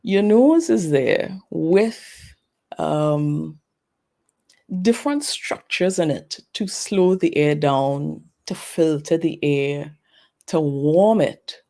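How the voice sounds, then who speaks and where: A woman giving a presentation over a video call, taking her time with a slow, unhurried delivery. Her voice sits low and sounds mellow and dark. She talks in a chatty way, slips in playful asides and uses plenty of fillers. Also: expressive. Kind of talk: online presentation on breathing.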